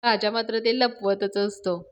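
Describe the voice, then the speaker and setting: A woman reviewer casually retelling a TV serial episode in a chatty, lively storytelling manner. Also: medium pitch, unhurried.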